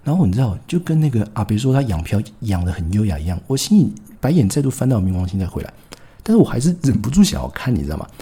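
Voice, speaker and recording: A young man with a Taiwanese Mandarin accent, a podcast host telling a story in a wry, animated way, with frequent fillers and asides. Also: fairly low pitch, fast, slightly rough. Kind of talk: casual storytelling.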